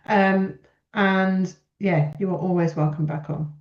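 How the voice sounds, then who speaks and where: A woman's voice: medium pitch, fairly even intonation, takes it slowly. Encouraging woman in an echoey room. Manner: effusive, encouraging. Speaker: podcast host. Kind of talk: casual chat. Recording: echoey room, slightly dull audio.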